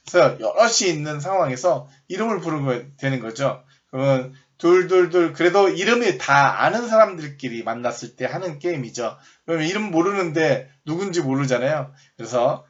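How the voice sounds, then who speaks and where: A man teaching recreation games in a recorded lecture, explaining step by step, rephrasing often and shouting sample game calls. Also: medium pitch, lo-fi sound. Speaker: recreation instructor.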